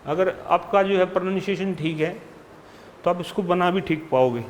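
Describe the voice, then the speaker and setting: A man's voice: high voice, slight background noise. A man teaching a shorthand class, patiently reading practice words out one at a time. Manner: reads out word lists one by one, patient and deliberate.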